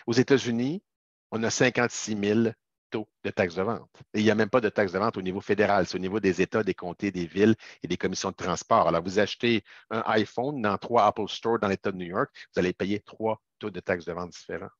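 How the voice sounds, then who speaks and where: A low-pitched man with a Québécois French accent gives a casual, chatty explanation in a webinar. He keeps turning to the audience with quick asides and tag words. The dull, lo-fi sound is dry and close, as over a video-call microphone. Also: fairly even intonation, no echo. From Quebec. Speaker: webinar presenter, business lawyer.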